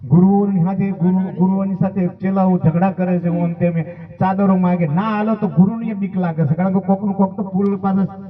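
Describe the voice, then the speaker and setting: A man's voice: sits high, fairly even intonation, fairly quick. Preaching older-sounding man, tinny. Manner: emphatic preaching, exhorting listeners to pay attention. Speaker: saint giving a satsang. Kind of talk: sermon with storytelling. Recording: tinny, phone-like, distant from the mic.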